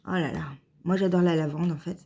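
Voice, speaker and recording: A woman vlogging casually at home, hesitant and chatty with many pauses and fillers. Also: on the low side, steady tone, gravelly, warm tone, highs cut off, slight background noise. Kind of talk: casual vlog chat.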